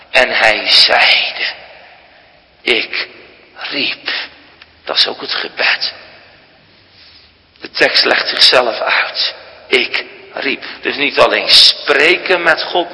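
A man preaching a sermon in a church, solemn and deliberate, swinging from loud, raised emphasis to soft near-whispers. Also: mid-range voice. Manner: slow, deliberate, solemn delivery. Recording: long church reverb.

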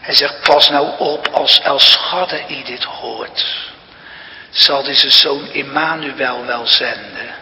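A man's voice: medium pitch, slow, bright, forceful tone, a little hiss or hum. A man preaching a sermon to his congregation, telling a story with emphatic delivery. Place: church. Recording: long reverb of a church hall.

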